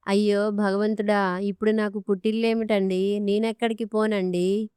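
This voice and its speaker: A woman's voice: mid-range voice, level tone, moderate pace, darkish tone, smooth, no room sound, studio quality, close to an everyday voice. A woman reading an audiobook story, voicing a pleading older mother-in-law. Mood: wailing. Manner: pleading, lamenting.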